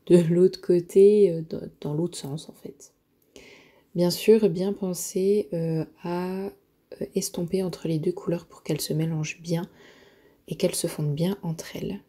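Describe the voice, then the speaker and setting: A woman narrating a makeup tutorial, hesitant and full of filler pauses, often dropping to a near-whisper while she works. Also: lowish voice, warm tone, husky. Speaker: beauty vlogger.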